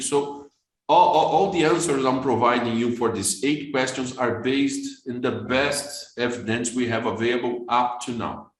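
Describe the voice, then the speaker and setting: In an echoey room, a man with a Brazilian Portuguese accent gives a fast webinar lecture in English, which isn't his native language. He's a vascular surgeon with a mid-range voice who often repeats words when restarting, and the recording quality is low.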